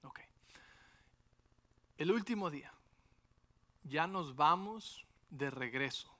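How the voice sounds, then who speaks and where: Bright-voiced animated pastor. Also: male voice, on the high side, slow. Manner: animated storytelling with frequent rhetorical asides. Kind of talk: sermon with personal story.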